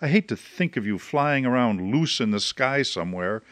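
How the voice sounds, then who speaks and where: A gloomy little squirrel lady put on by a man who always fears the worst. Her sighing lines rise and fall a lot in pitch. The sound is dry and close to the mic. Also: lively intonation, normal speed, fairly bright tone, dry recording, close to an everyday voice. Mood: worried. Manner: sighing and doleful. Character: gloomy, worrying female squirrel neighbor.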